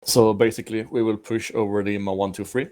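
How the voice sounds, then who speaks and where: A man's voice: on the low side, steady tone, brisk, a little mellow. A man thinking aloud as he lays out a tactical plan in casual game voice chat. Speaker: squad leader planning with players.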